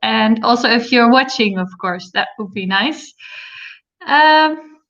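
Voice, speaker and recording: A woman from the Netherlands presenting to an online conference over a video call, her voice pitched a little high. She talks hesitantly, with many fillers. The sound is dull and lo-fi. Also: animated, takes it slowly, fairly bright tone. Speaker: guest speaker, social entrepreneur.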